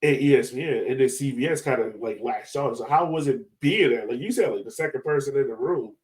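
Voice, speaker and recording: This podcast host and interviewer is an American man in his thirties whose casual chat is rambling, jokey and full of slang. He has a mid-range voice and talks a little fast.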